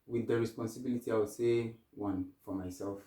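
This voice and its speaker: A man's voice: lowish voice, steady tone, brisk, warm tone, roomy sound, distant mic, poor audio. A young man from Ghana, a guest in a casual interview, answering thoughtfully with many restarts.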